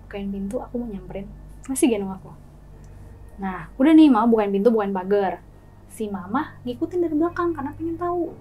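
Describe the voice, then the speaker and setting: A woman's voice: a little high, brisk, slightly rough. A woman guest telling her own experience in a casual chat, acting out the scenes with quoted dialogue. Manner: lively, acts out scenes with gestures and quoted dialogue.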